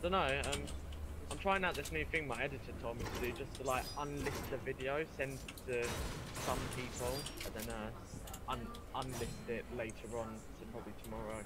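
Male gaming guest, mid pitch, hesitant and rambling, loud hiss from a bad mic. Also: fairly even intonation, moderate pace. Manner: hesitant, lots of um and like. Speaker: gaming guest who makes videos. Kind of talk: casual gaming chat.

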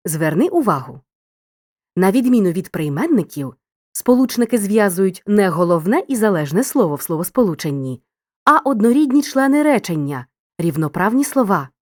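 A woman narrating a grammar lesson in a clear, scripted, teacherly way, speaking directly to the listener. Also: mid-range voice, big pitch swings, moderate pace, darkish tone, dry recording, studio quality.

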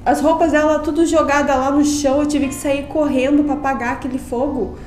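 A scheming, manipulative mother, played by a woman with a high, bright voice. Her delivery is melodramatic, with music playing behind her. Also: fairly even intonation, a little fast, natural voice. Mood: wheedling. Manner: mocking, then fakes panic on the phone. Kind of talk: melodramatic short-drama acting.

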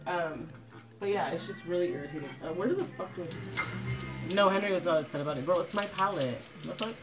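A woman's voice: fairly low pitch, brisk, over music, low-quality recording. A young woman chatting casually on a livestream from her kitchen into a phone, rambling with constant "like" fillers and blunt swearing.

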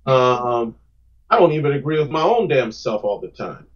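A man's voice: medium pitch, sing-song, normal speed. Earnest, reflective man on muffled audio. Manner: earnest, reflective, rambling with restarts. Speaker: podcast guest, comic creator. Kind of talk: casual podcast conversation.

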